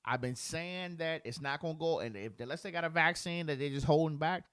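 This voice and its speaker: A man's voice: a little high, brisk, fairly bright tone, clear, resonant tone, no room sound. A man hosting a podcast in casual chat, blunt and profane, talking as a father of a preschooler. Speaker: podcast host.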